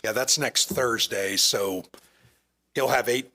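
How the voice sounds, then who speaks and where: A hoarse town manager speaks at a council dais, his voice gravelly and husky as it gives out. He explains in an earnest, patient way, with a bright, forceful edge. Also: mid-range voice, slow. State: losing his voice. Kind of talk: presenting at a council meeting. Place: council chamber.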